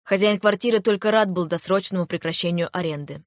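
A woman reading a first-person novel aloud in a calm, even storytelling manner, close to a studio microphone. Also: on the low side, a little fast, dry recording. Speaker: audiobook narrator. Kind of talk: first-person audiobook narration.

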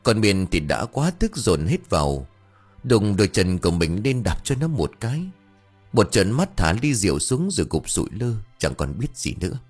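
A man narrating a ghost story audiobook with lively storytelling, voicing all the characters himself. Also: on the low side, normal speed, slightly rough, soft background music. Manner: animated storytelling, voices every character himself.

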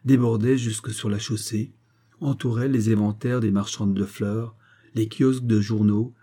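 A man narrating an audiobook with a low, dark voice and a husky edge. His reading is steady and measured. The delivery is scripted storytelling. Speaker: audiobook reader.

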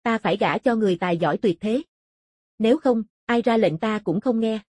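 A woman voicing a proud young dragon-clan princess in an audiobook, cool and composed in manner, in a slightly husky voice. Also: on the high side, a little fast, a little mellow, no echo, clean studio sound. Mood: calm.

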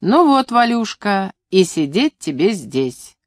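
A woman's voice: sing-song, takes it slowly, dry recording. A woman reading the part of an insistent, enthusiastic male farm station director in an audiobook. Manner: pushy, insistent, booming with enthusiasm.

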